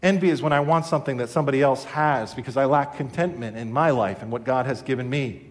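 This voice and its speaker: A man's voice: mid-range voice, fast talker. A middle-aged man preaching a sermon as a pastor, earnest and conversational with his congregation.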